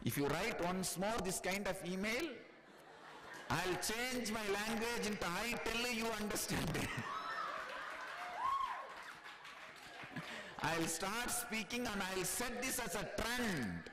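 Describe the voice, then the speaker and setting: Man with an Indian accent, spiritual discourse, high voice, echo of a large hall. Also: animated, unhurried, noisy background. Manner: laughing, repeating simple phrases for emphasis. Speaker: spiritual teacher.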